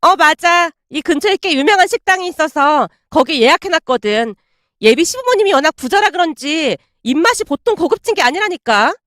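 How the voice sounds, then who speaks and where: A woman's voice: extremely high pitch, big pitch swings, brisk, fairly bright tone, dry recording, clean studio sound, pitched above the performer's own voice, exaggerated voice. A woman voicing an arrogant, spoiled young woman who mocks and bosses an old classmate in a storybook drama. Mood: boastful. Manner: mocking, condescending, bossy.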